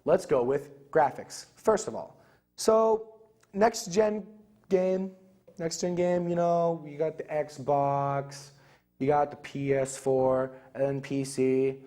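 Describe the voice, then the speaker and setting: A man's voice: a little high, fairly even intonation, takes it slowly, warm tone. A young man co-hosting a casual gaming talk show, rambling loosely with many fillers. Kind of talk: casual chat.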